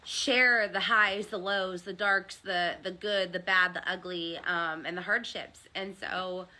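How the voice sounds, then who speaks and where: A woman's voice: fairly low pitch, steady tone, a little slow, bright, forceful tone. An American woman, a hairdresser, giving an earnest, confessional testimonial full of ums. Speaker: hairdresser turned seller. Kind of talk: personal testimonial.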